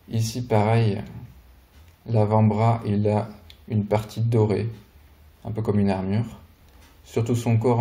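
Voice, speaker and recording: Toy reviewer, man, low and very dark voice, easygoing chatty delivery. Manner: relaxed, chatty, hesitant fillers. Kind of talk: casual product walkthrough.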